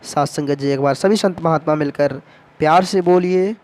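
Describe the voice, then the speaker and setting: A man's voice: on the high side, normal speed, darkish tone. A man telling a devotional story as a sermon, addressing the congregation respectfully again and again. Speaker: devotional speaker.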